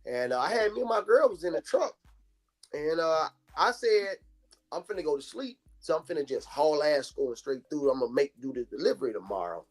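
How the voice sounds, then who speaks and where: Animated man telling a grief story. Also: on the high side, brisk, soft background music. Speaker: guest, bereaved father. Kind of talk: emotional personal account. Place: live-stream call.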